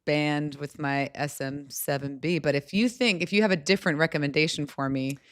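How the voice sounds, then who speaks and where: A woman with a raspy voice who chats candidly and expressively as co-host of a live selling stream. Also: low voice, a little fast, dry recording, clean studio sound.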